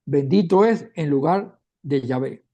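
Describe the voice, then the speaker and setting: A man's voice: fairly high pitch, lively intonation, unhurried, warm tone. A man teaching a Bible class, reading scripture passages aloud and explaining them step by step. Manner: explanatory, reads scripture aloud then comments, occasional restarts. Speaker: catechist.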